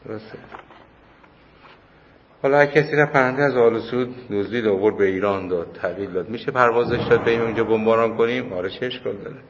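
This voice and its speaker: A cleric lectures a class on religion in a relaxed, conversational style, sharing anecdotes and repeating points for emphasis. His voice is medium-pitched and a bit bright. The hall recording is muffled, with faint noise.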